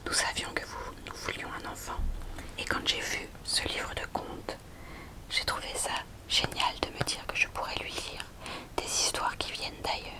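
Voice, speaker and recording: A young adult woman presenting books in a soft, unhurried library whisper, in the style of an ASMR recommendation video. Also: low-quality recording. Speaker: ASMR host recommending storybooks. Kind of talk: whispered ASMR book talk.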